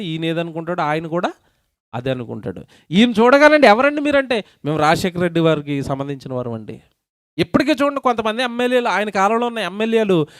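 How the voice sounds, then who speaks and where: A man preaching a sermon at a public meeting, questioning his listeners and quoting scripture slowly and emphatically, with a Telugu accent. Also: sits high, no room sound, studio quality. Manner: questions the crowd, quotes scripture slowly and loudly.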